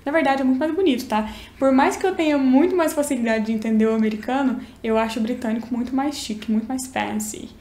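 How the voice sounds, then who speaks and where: A woman's voice: high voice, quick pace, hardly any pauses, mellow. A young woman from Minas Gerais, Brazil, with a Minas accent, casually teaching English pronunciation and demonstrating sounds. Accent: Minas Gerais Brazilian Portuguese. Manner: chatty, explains and demonstrates pronunciations. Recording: echoey room.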